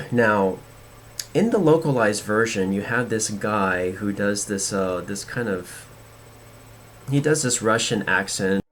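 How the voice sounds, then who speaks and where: A man's voice: on the low side, animated, slow pace, fairly bright tone. A man hosting a podcast, talking in a casual, rambling way with many restarts and fillers. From United States. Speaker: podcast host.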